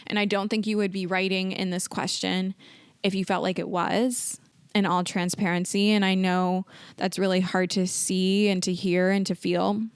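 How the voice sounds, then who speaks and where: A woman's voice: medium pitch, little pitch movement, normal speed, clear, resonant tone, no echo, clean studio sound. A young woman hosting a casual advice podcast, speaking earnestly and reassuringly, repeating points for emphasis. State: tearful, emotional. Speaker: podcast host.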